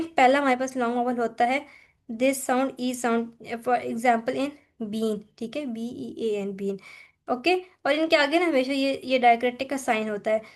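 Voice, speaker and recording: A woman with a Pakistani accent teaching a phonetics lesson, walking through slides, often pausing to check and drawing out examples slowly. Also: high-pitched. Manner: mixes Hindi-Urdu with English terms, repeats "ठीक है", slows to spell out examples. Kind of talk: lecture explaining slides.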